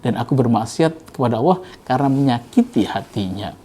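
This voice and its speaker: A man plays a pious scholar full of regret, speaking softly and humbly in a mellow, warm voice. He is a figure in a retold sermon story, not a showy character voice. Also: medium pitch, lively intonation, brisk, close to an everyday voice. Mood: remorseful. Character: grieving, remorseful pious male scholar.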